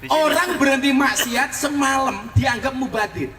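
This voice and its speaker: A man preaching a comic sermon to an outdoor crowd, joking and loud. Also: very high-pitched, a little slow. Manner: joking, loud, mixes local slang. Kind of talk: comic open-air sermon. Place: outdoor field gathering. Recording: echoey field recording from far off. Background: crowd laughing.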